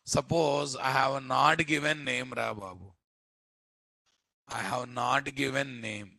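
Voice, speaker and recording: A man's voice: mid-range voice, fairly even intonation, takes it slowly, vocal fry, bright, forceful tone, no echo. An Indian-accented man teaching programming in a live coding lecture, repeatedly quizzing his listeners with questions. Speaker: programming instructor.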